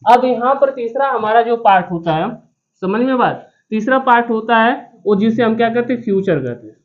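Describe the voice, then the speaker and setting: A man's voice: extremely high pitch, animated, moderate pace, narrow, tinny audio. A man teaching grammar to a classroom with students present, drilling them by repeating questions and answers, with joking asides.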